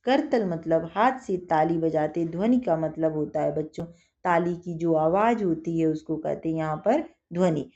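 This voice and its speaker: A woman's voice: sits low, moderate pace, dark tone, lo-fi sound. A woman teacher reading a Sanskrit school lesson aloud and explaining it line by line in Hindi, often turning to address the children.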